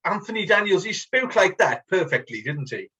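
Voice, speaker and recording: A man co-hosting a podcast, chatting in a relaxed, hesitant way and often restarting his sentences. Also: sits high, normal speed, muffled recording, crowd noise. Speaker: podcast co-host. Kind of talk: casual chat.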